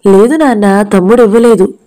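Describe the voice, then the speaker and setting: A woman voicing a gentle young woman who speaks softly and hesitantly. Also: mid-range voice, a little fast, lightly acted. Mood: pleading. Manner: soft, pleading, hesitant.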